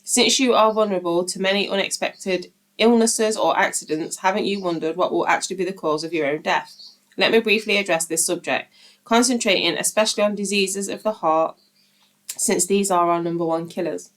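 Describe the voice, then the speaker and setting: A woman hosting her channel, reading a book aloud at a steady pace and breaking off now and then for informal asides to her viewers. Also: medium pitch, brisk.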